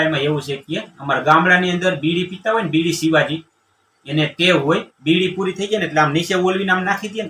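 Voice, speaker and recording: Folksy village storyteller, distant and roomy. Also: male voice, on the high side, a little hiss or hum. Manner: animated, acts out quoted villagers. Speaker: comedian telling jokes. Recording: roomy, distant mic with faint ambience.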